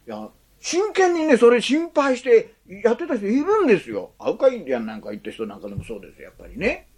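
Pastor, male, conversational sermon; breathy husky tone, wildly animated pitch. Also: fast. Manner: chatty, asks the congregation questions, adds "ne" often.

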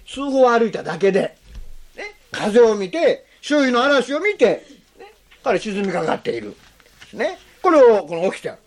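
A pastor delivers a sermon with an extremely animated, swooping pitch. The preacher keeps putting questions to the listeners and drops short tag words between phrases, drawing out key words and then hurrying through the explanations. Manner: rhetorical questions to the congregation; slows on key phrases, speeds up when explaining.

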